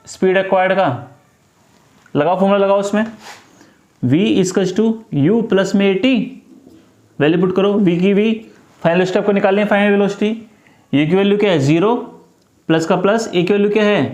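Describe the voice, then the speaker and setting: High-voiced man tutoring, echoey room. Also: normal speed, long pauses, darkish tone. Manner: repetitive, coaxing, talks through each step. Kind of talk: step-by-step math lesson.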